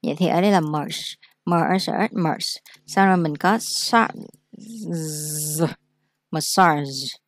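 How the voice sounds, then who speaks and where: Slow, low-voiced woman teaching vocabulary. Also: dry recording. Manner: explains slowly, repeats words for practice. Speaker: English teacher. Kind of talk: casual vocabulary lesson.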